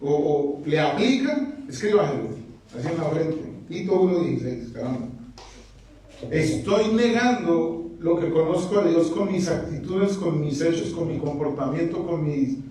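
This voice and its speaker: A man's voice: a little high, lively intonation, moderate pace, mellow, slight background noise. A man preaching a sermon to a congregation, firing rhetorical questions at them and dropping joking asides. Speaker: pastor. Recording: very echoey hall, mic far off.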